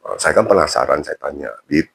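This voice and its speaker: A man's voice: low voice, sing-song, normal speed, creaky, slightly rough. A man telling a personal story casually in an interview, with frequent fillers and restarts. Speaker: interview guest.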